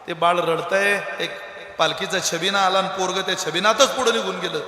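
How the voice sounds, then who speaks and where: A man's voice: high-pitched, steady tone, moderate pace, sharp tone. A man preaching a kirtan sermon, telling a story and scolding his listeners dramatically. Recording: echoey hall.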